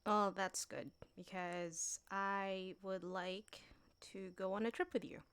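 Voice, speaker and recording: A woman's voice: medium pitch, little pitch movement, slow, a bit bright, clean tone. A woman voicing a cheerful young redheaded girlfriend who talks sweetly and teases a little. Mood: affectionate. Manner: sweet, affectionate, lightly teasing.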